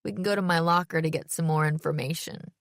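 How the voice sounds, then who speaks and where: A woman's voice: sits low, steady tone, fast talker, vocal fry, no room sound, studio quality. A woman reading an audiobook, voicing a sardonic teenage girl who hosts a poetry slam and teases with mock enthusiasm. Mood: wry.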